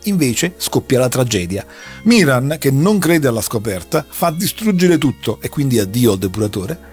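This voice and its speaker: A man's voice: mid-range voice, big pitch swings, normal speed, a little mellow, soft background music. A man recounting a long story in a casual chat, telling it with dramatic flair. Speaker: podcast host recounting an anime plot.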